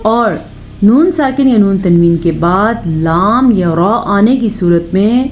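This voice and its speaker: Slow, patient woman teaching recitation. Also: medium pitch, lively intonation, a little mellow, highs cut off, a little hiss or hum. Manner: patient, corrects common mistakes, recites slowly and drawn out. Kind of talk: slow step-by-step recitation lesson.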